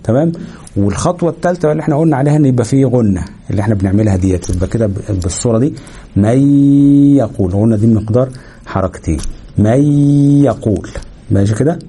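A man with an Egyptian Arabic accent, teaching a Quran recitation lesson. He explains rules and slows down to demonstrate sounds, stretching out the nasal hum. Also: on the low side, animated, dark tone, husky.

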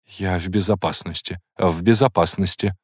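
A man's voice: lowish voice, animated, normal speed, darkish tone, dry recording, studio quality, voice pushed up, natural voice. A man reading an audiobook, voicing a proud, tormented woman in an emotional, intense manner. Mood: tense.

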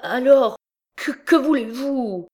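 A woman's voice: lowish voice, lively intonation, slow pace. A woman voicing a terrified older man woken in the night, crying out and stammering in panic.

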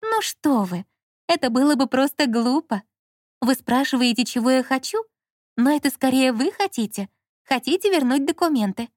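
A woman putting on a sly, high-pitched young con woman. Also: lively intonation, moderate pace, dry recording, clean studio sound. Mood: coolly threatening. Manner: theatrical, switching between cold pressure and gushing.

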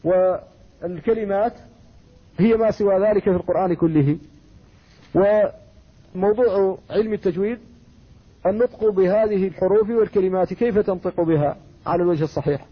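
A male scholar from Mauritania lectures in a measured, explanatory way, his voice set high with a husky, breathy grain. The recording is dull and lo-fi, as if the highs were shaved off. He moves steadily from rule to example like a patient teacher. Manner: measured, explanatory, reciting quoted verses and poetry. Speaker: Islamic scholar teaching Quran recitation. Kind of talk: classroom lecture.

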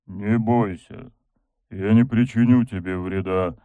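A sealed ancient dark god, put on by a man reading a storybook, speaks as a disembodied voice out of the blackness. The voice is very deep and rumbling, unhurried and drawn out, soft yet sinister. It comes through thin and tinny, like a narrow phone-line filter. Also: steady tone, no echo. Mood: menacing calm. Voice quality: low, rolling, rumbling. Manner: slow, soft, coaxing. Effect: disembodied voice from the darkness, filtered and distant. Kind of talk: audiobook fantasy narration.

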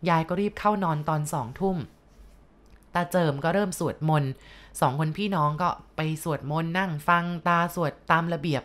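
A woman narrating a ghost story in a loose, conversational way, slipping in asides to her listeners. Her voice sits on the low side for a woman.

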